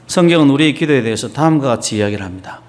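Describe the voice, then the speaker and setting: A man's voice: mid-range voice, lively intonation, rapid-fire, darkish tone. A man preaching a sermon as pastor, talking conversationally with asides and rhetorical questions. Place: church in Beijing.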